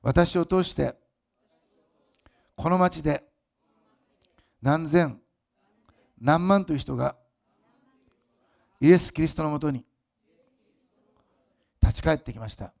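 A male pastor, preaching a fervent sermon that swells loud for emphasis and drops to soft asides for the congregation. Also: on the high side, slow, vocal fry, pauses often.

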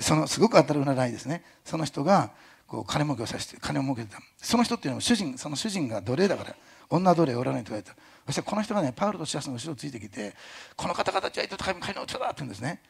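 A male pastor preaching a sermon in a lively conversational way, with jokey asides and a hint of a Kyushu dialect. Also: mid-range voice, vocal fry, slightly rough. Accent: Kyushu dialect touches. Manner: animated, jokey asides, imitates other pastors.

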